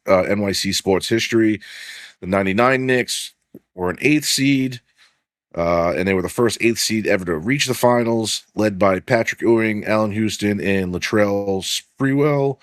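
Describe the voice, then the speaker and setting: A man's voice: on the low side, no echo, clean studio sound. A man hosting a casual sports podcast, swearing freely and leaning on fillers while he reads off stats. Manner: loose and profane, heavy on filler "like", reads stats aloud. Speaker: podcast host.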